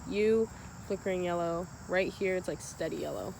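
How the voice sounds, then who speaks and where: A woman's voice: lowish voice, moderate pace, creaky. A woman co-hosting a paranormal investigation outdoors, chatting casually in brief, tentative remarks. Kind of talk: casual chat while watching a meter. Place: outdoors by disused train tracks. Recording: very noisy outdoor recording with insects, vehicles.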